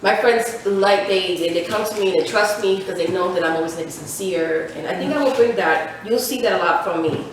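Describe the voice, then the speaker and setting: A woman's voice: mid-range voice, brisk, hardly any pauses. A woman in her thirties co-hosting a podcast, talking earnestly and repeating her points in casual chat. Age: 30s. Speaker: podcast co-host. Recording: echoey room from far off.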